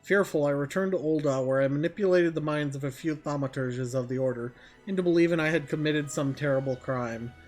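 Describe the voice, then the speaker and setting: A man's voice: fairly high pitch, a little fast, darkish tone, faint music behind, close to an everyday voice. Man playing a solemn, remorseful old mage. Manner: grave, formal archaic confession. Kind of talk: reading game dialogue aloud in character.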